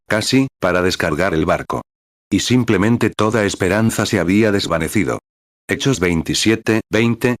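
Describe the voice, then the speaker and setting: A man reads a sermon in a very low, deep voice. He keeps a steady, measured pace and calls out verse numbers as he retells the stories. The recording is dry and close, with no room sound. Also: no room sound. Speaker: sermon reader.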